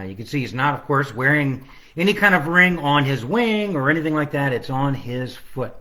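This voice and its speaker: His voice mid-range, pushed and bright, a children's author hosts a relaxed livestreamed storytime in his home living room. He reads his picture book aloud, sprinkling in chatty, rambling, playful asides to the audience.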